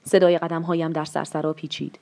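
A woman narrating a short story in a calm, even storytelling manner. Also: deep voice, creaky. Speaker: story reader.

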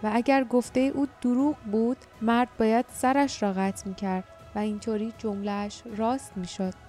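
A woman narrating an audiobook in calm, measured storytelling. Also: fairly high pitch, faint music behind.

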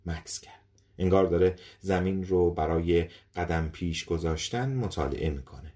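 A man narrating an audiobook story in an expressive storytelling reading. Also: deep voice. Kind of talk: scripted narration.

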